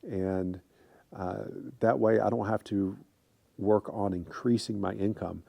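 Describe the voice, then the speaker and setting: Deep, gravelly man in his fifties. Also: steady tone, takes it slowly, mellow, no echo. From United States. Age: 50s. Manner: rambling, frequent fillers and restarts. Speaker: vlogger. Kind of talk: casual talk to camera.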